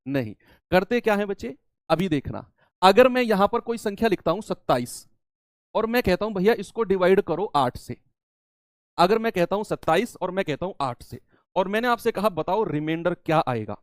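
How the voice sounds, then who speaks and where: A man's voice: high-pitched, expressive, moderate pace, no echo, studio quality. A man teaching a maths lesson, explaining step by step and repeating the key terms, sometimes answering in his students' voice. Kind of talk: classroom maths lecture.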